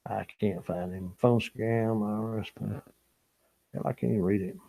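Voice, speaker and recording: On a fishing channel live stream, a man chats casually with viewers, reading their comments aloud, rambling and chuckling as he goes. His voice is lowish, gravelly and mellow, with fairly even intonation at a normal speed, picked up on poor audio through a small camera mic or lapel.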